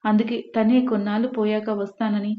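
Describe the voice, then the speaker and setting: A woman's voice: mid-range voice, little pitch movement, normal speed, lightly acted. A woman reading the part of a polite, hesitant college student. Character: cautious female college student friend. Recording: echoey room, dull lo-fi.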